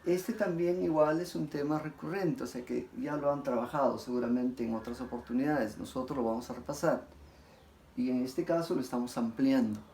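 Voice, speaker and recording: A man, giving a classroom lecture. He often checks in with his listeners and stretches example words out slowly, syllable by syllable. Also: mid-range voice, creaky, darkish tone. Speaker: teacher. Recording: echoey room, faint background noise.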